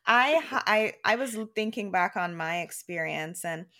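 A woman's voice: mid-range voice, expressive, moderate pace, sharp tone. A woman in her thirties co-hosting a casual podcast, talking through her thoughts with frequent restarts and easy laughter. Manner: chatty, many restarts and "like"s, laughs easily. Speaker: podcast co-host.

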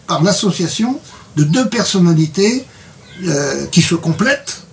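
A man's voice: high voice, animated, measured pace, gravelly, recorded from a distance, a little hiss or hum. A man translating and presenting a book in an interview, talking hesitantly and often repeating his words. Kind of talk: casual interview chat with read excerpt.

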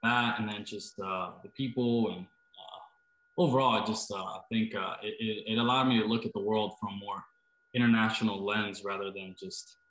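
Hesitant low-voiced man in echoey room. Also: steady tone, moderate pace, fairly bright tone. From Costa Rica. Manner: hesitant, many fillers and restarts. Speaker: startup founder, guest. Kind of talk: casual interview answers. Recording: roomy, echoey sound.

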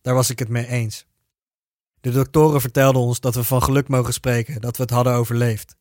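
A man reading a first-person story aloud in a steady, even narrating voice. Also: medium pitch, a little fast, dry recording, studio quality.

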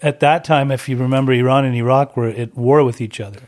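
A middle-aged man born in Germany and raised in the States, chatting as a podcast guest. His voice sits at an everyday middle pitch, and he tells his family history in a loose, unhurried way, dropping the occasional swear word. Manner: relaxed storytelling, frank and profane. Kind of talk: casual chat.

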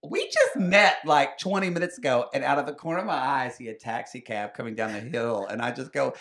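A man in his thirties telling a story on a podcast in a casual, animated way, acting out the voices of the people in it. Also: medium pitch, a little fast. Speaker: podcast guest.

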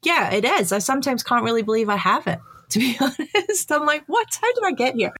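Her voice sits high and sounds a bit bright, very animated and fairly quick, with no echo. She's a middle-aged chief digital officer from Scotland with a Scottish accent, laughing often as an upbeat guest in a casual interview chat.

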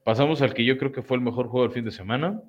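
A man with a mid-range voice talks at a quick pace as a podcast co-host on a casual sports talk show, breaking down games analytically with frequent fillers. The audio is muffled and lo-fi.

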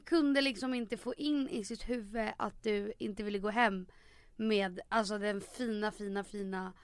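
A woman's voice: medium pitch, steady tone, smooth, no echo. A woman co-hosting a casual podcast chat who reacts with wry, sarcastic remarks. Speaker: podcast co-host.

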